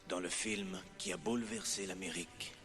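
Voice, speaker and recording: A solemn movie-trailer announcer. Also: male voice, sits low, very animated, moderate pace, gravelly, over music, exaggerated voice. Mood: portentous. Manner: solemn, dramatic. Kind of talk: parody film trailer voice-over. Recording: clip played with loud score.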